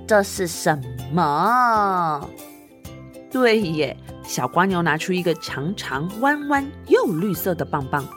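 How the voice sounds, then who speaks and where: A woman telling an interactive story as if reading to a toddler, with playful questions, sound effects and drawn-out words. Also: on the low side. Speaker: children's storyteller. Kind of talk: interactive storytelling for small children. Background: children's music.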